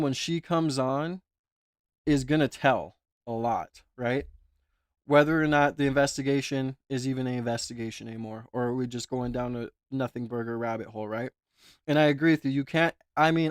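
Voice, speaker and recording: A man with a mid-range voice hosts his own livestream despite a sore throat, recorded in clean studio sound with no echo. He chats casually, asks for likes, and reads viewer comments aloud.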